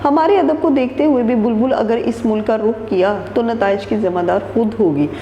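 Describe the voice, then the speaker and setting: Reading from a textbook, an Urdu teacher restates every sentence in plainer words; her voice is a little high and brisk, with a dark tone. The audio is dull, captured in an echoey room with long reverb and faint noise.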